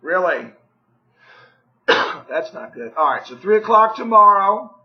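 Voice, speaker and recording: A hoarse man losing his voice, a real estate agent making a pushy, persuasive sales call who keeps checking in with "okay?" and clears his throat often. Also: high voice, very animated, unhurried, echoey room, dull audio.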